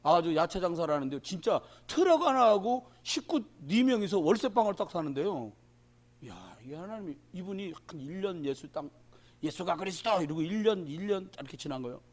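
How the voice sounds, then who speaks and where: Man, pastor, high voice, very lively pitch, emphatic colloquial sermon. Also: fairly quick. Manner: emphatic, colloquial preaching that calls out to the congregation. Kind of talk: sermon at a prayer meeting.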